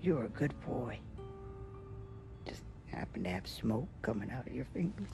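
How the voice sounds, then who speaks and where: An actress playing a kindly, wry older woman in a video game, creaky and folksy as she teases and reassures. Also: very deep voice, sing-song, moderate pace, music in the background, exaggerated voice. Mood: gentle, reassuring. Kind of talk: video game cutscene acting.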